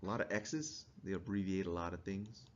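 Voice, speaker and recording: A man's voice: low-pitched, fairly even intonation, brisk, a little hiss or hum. A male instructor giving a casual classroom lecture, quizzing students and chuckling now and then. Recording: dull lo-fi recording.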